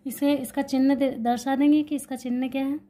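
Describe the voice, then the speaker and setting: A woman's voice: high voice, level tone, fairly quick, dark tone. A woman teaching an exam-prep grammar lesson, explaining while writing and repeating key points, asking questions and answering them herself.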